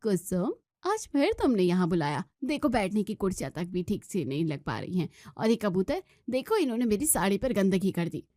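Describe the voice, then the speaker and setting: A woman's voice: medium pitch, very animated, fairly quick, dark tone, no room sound, studio quality, close to an everyday voice. A woman doing a snobbish auntie. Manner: sniffy, complaining. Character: snobbish middle-aged woman friend.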